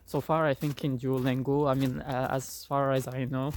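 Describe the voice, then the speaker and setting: A young French-accented vlogger reviews an app while outdoors in the cold, speaking into a phone he's holding. His medium-pitched voice is flat, slightly mellow and at normal speed, with a little hiss or hum, and he rambles casually with many fillers and restarts.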